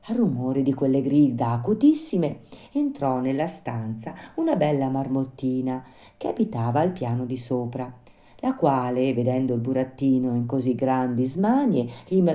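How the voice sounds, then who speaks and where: A woman reading a children's classic aloud as an expressive, animated storyteller. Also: rumbling low.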